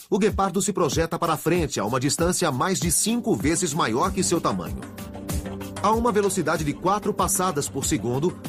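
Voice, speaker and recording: A man with a Brazilian accent reading scripted, dramatic documentary narration. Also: a little high. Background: music bed.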